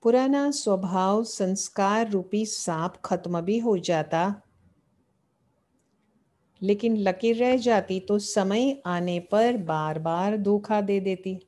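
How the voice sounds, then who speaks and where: A woman gives a devotional talk in a mellow, warm voice. She poses questions to her listeners and answers them, returning again and again to the same phrases. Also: mid-range voice, slow pace. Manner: asks rhetorical questions and answers them, repeating key phrases. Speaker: spiritual teacher. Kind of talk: devotional sermon explaining scripture.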